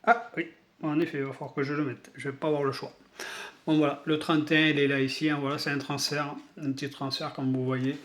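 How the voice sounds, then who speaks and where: Man, southern French accent, slightly high voice, rambling hobby vlogger talking as he builds a model. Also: flat delivery, fairly quick, a bit bright. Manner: rambling, many fillers and restarts. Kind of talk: casual chat while building a model.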